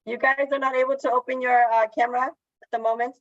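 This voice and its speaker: Halting woman hosting a video call. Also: high-pitched, flat delivery, no echo. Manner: halting, with frequent fillers. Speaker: meeting host. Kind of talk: casual online meeting talk. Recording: dull lo-fi call audio.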